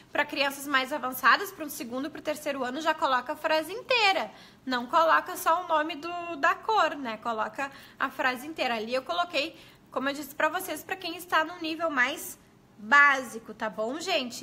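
A woman explains classroom activities to other teachers in a friendly, conversational way. Her voice sits high and sounds bright and clear. She keeps checking in with her viewers as she goes. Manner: chatty, explanatory, addresses viewers as gente. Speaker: pedagogue.

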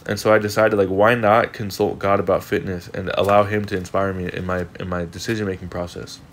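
A young fitness vlogger with a slightly low voice does a casual voice-over, sounding congested and sniffly. He speaks fairly quickly with little pitch movement, earnest and reflective, drifting from one thought to the next. There's slight background noise.

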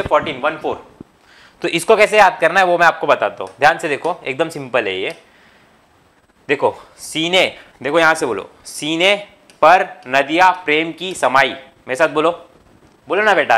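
A male chemistry teacher giving an online lecture, chanting memory rhymes line by line, coaxing students to repeat after him and checking understanding with quick questions. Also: on the high side, fairly bright tone.

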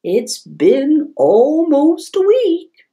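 A woman's voice: high-pitched, huge pitch swings, drawn-out words, dark tone, voice pushed up, heavily acted. A woman voicing an eager young girl who is about to become a big sister. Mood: asking.

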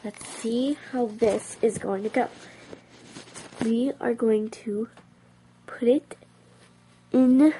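A woman chatting playfully as she dresses up toys, now and then dropping into soft whispered asides. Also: fairly high pitch. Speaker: toy dress-up vlogger. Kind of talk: casual playful chat.

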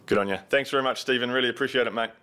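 A man in his thirties with a New Zealand accent and a medium-pitched voice hosts a sports show. He speaks conversationally into a close microphone. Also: very fast, bright, forceful tone. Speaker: sports show host and interviewer. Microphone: desk microphone close in front, video call.

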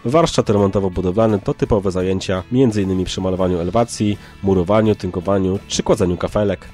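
Low, mellow male news narrator. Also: fairly even intonation, quick pace. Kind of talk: scripted local news narration. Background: background music.

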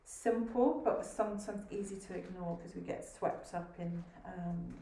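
A woman panelist on a video call giving a calm, thoughtful answer. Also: fairly low pitch, unhurried. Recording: distant echoey room, faint noise.

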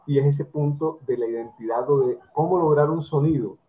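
A man's voice: fairly high pitch, a little fast. A middle-aged man from Barranquilla, Colombia, hosting a drum interview over a video call, explaining to viewers and using examples. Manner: explanatory, addresses viewers directly, lectures with examples. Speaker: host of an online drum interview. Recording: tinny phone-like video call audio.

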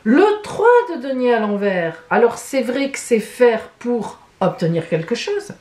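Woman tarot reader, lively swooping pitch, emphatic chatty delivery. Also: unhurried. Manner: animated, emphatic, with many "hein" asides. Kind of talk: monthly tarot reading.

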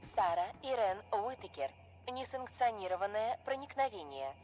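A woman voicing a stern automated security system in a video game, making flat, formal alarm announcements. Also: mid-range voice, moderate pace, lightly acted.

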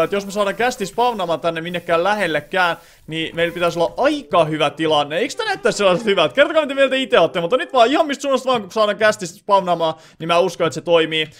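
High-voiced Finnish gamer, chatty. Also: male voice. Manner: chatty, thinks aloud with many filler sounds; bursts into loud excited shouting. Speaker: gaming channel host. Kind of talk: Let's Play commentary.

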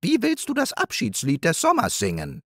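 A man's voice: high-pitched, wildly swooping pitch, normal speed, no room sound, studio quality, pitched above the performer's own voice, exaggerated voice. A man voicing a proud, bossy male hare who fancies himself a poet, in a raised, self-important voice for a storybook. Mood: pompous.

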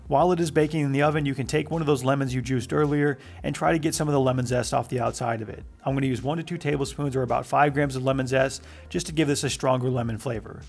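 A man giving a scripted recipe voice-over as a cooking channel host, with brisk, matter-of-fact instructions. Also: medium pitch, creaky.

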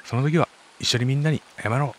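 A caring, protective young heroine from a horror game, read by a man in his plain speaking voice. His pitch stays in a middle range with no exaggeration. A colors the reading. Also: quick pace, a little hiss or hum, lightly acted. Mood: resolute. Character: caring young woman heroine, older-sister type.

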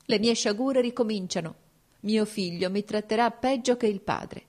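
A woman's voice: fairly low pitch, animated, moderate pace, darkish tone. A woman reading an audiobook, voicing an anxious, tearful young princess with a pleading, shaken manner.

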